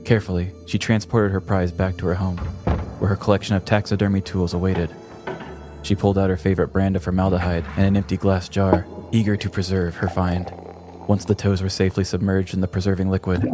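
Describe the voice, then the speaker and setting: A man with a low voice delivers a scripted true-crime comedy podcast as its narrator. His storytelling is deliberate and theatrical.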